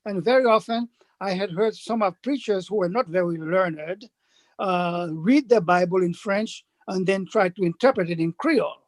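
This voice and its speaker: A man, the guest of an interview, recounting his life in a measured storytelling way. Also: high-pitched, no echo. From Dominican Republic, raised Haitian. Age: 80s. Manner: measured storytelling, acts out quoted speakers.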